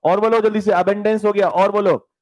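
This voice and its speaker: A man teaching English spelling in a live online class, with an Indian English accent. He spells words letter by letter and keeps urging students to answer fast, calling them "beta" and "bhai". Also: high-pitched, fairly even intonation, rough recording. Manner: calls students "beta" and "bhai", reads out their comments.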